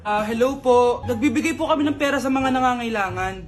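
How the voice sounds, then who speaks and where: A woman's voice: fairly high pitch, fairly quick, pitched below the performer's own voice, natural voice. A woman voicing a polite mayor handing out money and houses in a storytime video. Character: generous mayor handing out aid. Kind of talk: storytime voice acting over slime video.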